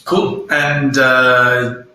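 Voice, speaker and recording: A man's voice: medium pitch, little pitch movement, drawn-out words, sharp tone. A man hosting a webinar, chatting in an upbeat way and reading out viewers' messages. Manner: chatty, upbeat, reads chat aloud. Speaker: webinar host. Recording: echoey room with faint noise, webinar audio.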